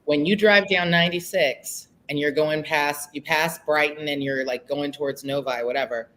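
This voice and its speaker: A woman's voice: sits low, fairly even intonation, moderate pace, fairly bright tone, a little hiss or hum, poor audio. Conversational woman giving political commentary. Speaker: panelist.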